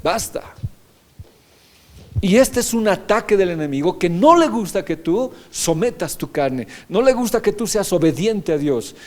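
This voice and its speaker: A man's voice: high voice, big pitch swings, moderate pace, hardly any pauses, darkish tone. A man preaching a sermon as pastor, reading scripture aloud and often asking the congregation rhetorical questions. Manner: reads scripture verses aloud.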